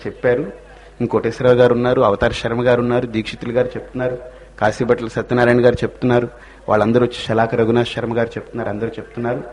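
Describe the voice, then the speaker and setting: A man giving a spiritual discourse, telling stories with rhetorical questions and rising emphasis. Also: medium pitch. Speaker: religious speaker.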